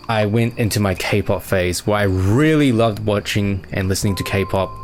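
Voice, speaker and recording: Young male host, low-ish voice, relaxed rambling Q&A, steady music underneath. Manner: easygoing, rambling, lots of fillers. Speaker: channel host answering fan questions. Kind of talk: casual chat. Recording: music playing behind.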